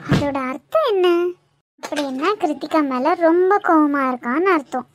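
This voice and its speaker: A woman voicing a calm young friend in a cartoon, speaking with a Kanyakumari Tamil accent in a soothing, questioning way. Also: high-pitched, moderate pace, background noise, lightly acted. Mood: reassuring.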